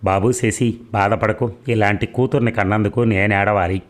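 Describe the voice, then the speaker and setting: Man reading stern middle-aged father, scolding, indignant, low voice, storybook reading. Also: steady tone, normal speed, lightly acted.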